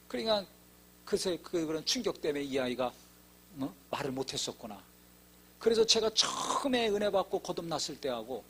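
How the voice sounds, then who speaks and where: A man's voice: on the high side, bright, forceful tone, breathy edge. A man preaching a sermon as pastor, telling a personal story with emphatic rises and acted-out dialogue. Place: church sanctuary.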